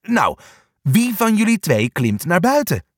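A bossy, determined storybook dog, as a man voices him, raised a little above the reader's own voice. He urges and commands the others with lively, swinging intonation. Slow, unhurried and dry-sounding. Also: high voice, no room sound, pitched above the performer's own voice, full character voice. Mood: urging. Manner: urging, commanding. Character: brave, bossy male dog, leader of the group.

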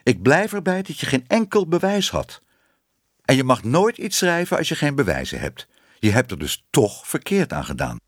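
A man's voice: medium pitch, wildly swooping pitch, moderate pace, slightly rough, dry recording, clean studio sound, pitched above the performer's own voice. A man reading a storybook, voicing a stern but fair newspaper editor who lectures firmly. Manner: firm, lecturing, then kindly.

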